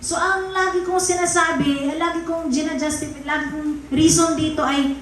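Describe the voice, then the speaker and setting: A woman's voice: sits high, steady tone, normal speed, a bit bright, slight background noise. A woman pastor from the Visayas preaching a conversational sermon, emphatic and teasing her congregation. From Visayas, Philippines. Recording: very echoey church hall.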